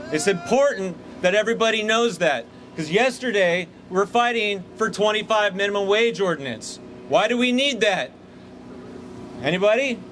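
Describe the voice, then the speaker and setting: A man's voice: high-pitched, a bit bright, slight background noise. Rousing union man speaking outdoors. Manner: rousing, call-and-response chanting. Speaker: union president at a rally. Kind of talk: rally speech. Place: outdoors by hotels.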